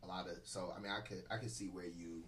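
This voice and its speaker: A man's voice: deep voice, little pitch movement, fast, a bit bright, slight background noise. A man in casual group chat, talking in a loose, rambling way with slang and many restarts.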